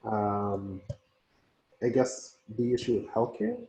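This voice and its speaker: A man speaking as a community organizer on a conference call whose audio keeps breaking up, talking in a slow, halting way with many pauses. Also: fairly low pitch, very animated, warm tone. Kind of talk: speaking as a guest on a panel. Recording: muffled, echoey conference call line.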